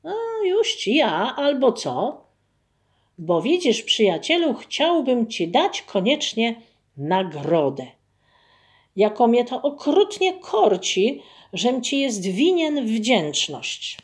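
A woman voicing a big ungrateful male bear in a folk tale, speaking loudly in a high, lively voice. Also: slow. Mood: gloating. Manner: loud, pleading then gloating.

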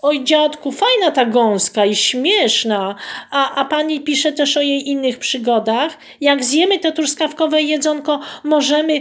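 A woman's voice: sits high, unhurried, voice pushed up. A woman doing an eager little grandchild. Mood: excited. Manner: excited, tumbling over words.

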